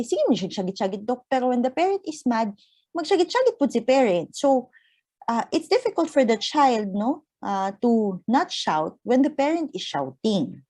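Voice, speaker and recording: A woman's voice: medium pitch, a little mellow, no echo. Filipino woman lecturing, dry close sound. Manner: conversational, checks understanding often. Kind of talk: online lecture with Q&A.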